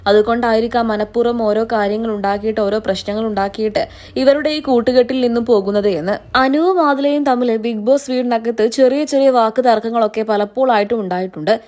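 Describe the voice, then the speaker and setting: A woman giving scripted voice-over commentary as a reality show commentator, in an even, explanatory recap. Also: fairly high pitch, fairly quick.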